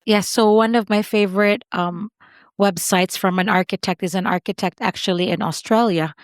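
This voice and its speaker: A podcast host with a non-native English accent conducts a conversational interview, speaking in long run-on sentences and repeatedly checking for agreement. Her medium-pitched voice has fairly even intonation and a normal pace. The sound is studio quality with no echo.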